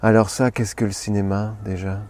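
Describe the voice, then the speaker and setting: A man in his thirties in a comedy sketch interview, playing a self-important actor in a deadpan manner. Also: lowish voice, moderate pace, slight background noise. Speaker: comic actor persona being interviewed.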